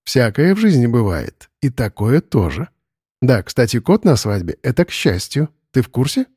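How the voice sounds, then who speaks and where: A man voicing a brisk, stern but kindly older woman in a storybook. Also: mid-range voice, big pitch swings, warm tone, slightly rough, dry recording, studio quality.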